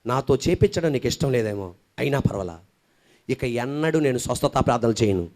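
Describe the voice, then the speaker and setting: A male preacher voicing a discouraged village pastor who speaks to God in a low, resigned, grumbling way. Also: a little mellow, lightly acted. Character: weary village pastor, a grown man, complaining to God.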